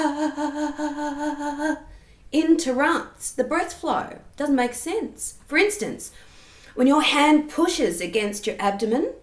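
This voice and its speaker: A woman giving a singing lesson, explaining technique and demonstrating sounds. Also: high-pitched. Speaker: singing teacher. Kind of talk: vocal lesson. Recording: roomy echo.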